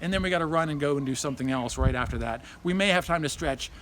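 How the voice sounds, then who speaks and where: A man's voice: fairly high pitch, fast talker, fairly bright tone. A man in his forties working as a fitness trainer, giving casual, encouraging exercise instruction outdoors in a garden. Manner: encouraging, counts and cues. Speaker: fitness trainer hosting a workout video. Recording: outdoor recording with clear background noise.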